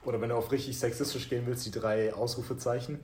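A young man co-hosting a casual podcast, animated and full of sarcastic quips. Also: mid-range voice, quick pace, a crowd in the background. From Turkish-German background. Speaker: podcast co-host. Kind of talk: casual chat. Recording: echoey room.

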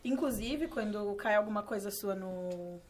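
A woman's voice: medium pitch, unhurried, a crowd in the background. A woman, co-hosting a podcast and speaking candidly and reflectively in casual chat. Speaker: podcast co-host.

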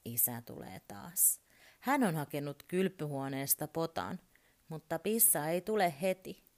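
A woman reading a children's bedtime story aloud, expressive and often dropping into a whisper. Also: low voice.

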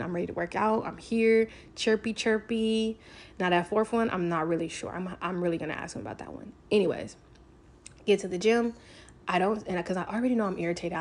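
A woman's voice: fairly low pitch, a little mellow. A woman talking candidly to camera, telling a personal story in a casual, frank way, swearing freely and filling with "like".

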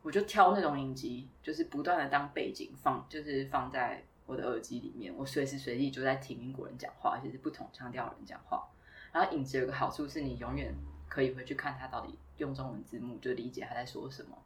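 A woman from Taiwan talks in a casual, chatty way and tells her stories with ease. Her voice sits low, and it sounds a little distant from the microphone. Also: steady tone, fast. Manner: chatty, storytelling, laughs easily. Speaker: guest, former PhD student. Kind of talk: casual conversation.

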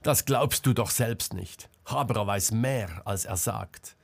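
A man's voice: fairly low pitch, unhurried, gravelly, slightly rough, full character voice. A man voicing a determined female reporter who confronts people bluntly and insistently, in an audiobook. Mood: indignant.

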